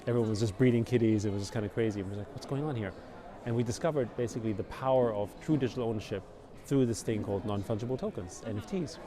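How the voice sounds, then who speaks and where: A middle-aged man from Austria, a company founder, answering interview questions in a relaxed, rambling way full of fillers. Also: fairly low pitch, fast, music in the background. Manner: relaxed, rambling, many fillers like "you know" and "basically". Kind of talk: conversational interview. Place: outdoors at a busy conference venue. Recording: crowd chatter behind. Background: crowd noise.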